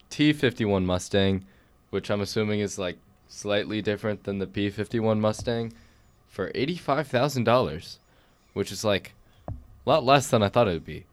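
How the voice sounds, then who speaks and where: Teen boy co-host, very deep smooth voice, laid-back dry delivery. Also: unhurried, no room sound. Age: teens. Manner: laid-back, dry, trailing quieter at ends. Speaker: podcast co-host. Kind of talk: casual podcast chat.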